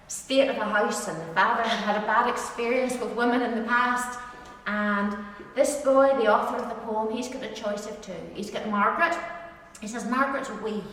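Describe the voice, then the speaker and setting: A woman's voice: medium pitch, fairly bright tone, a little hiss or hum. A woman with an Ulster Scots accent from Northern Ireland gives an informal talk explaining dialect words, chatting and putting questions to her listeners. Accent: Ulster Scots, Northern Irish. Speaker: presenter teaching dialect words. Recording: very echoey hall, distant microphone.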